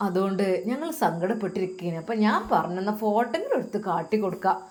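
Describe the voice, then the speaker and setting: A woman voicing a warm, talkative middle-aged aunt, fast and chatty. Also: mid-range voice, very animated, natural voice.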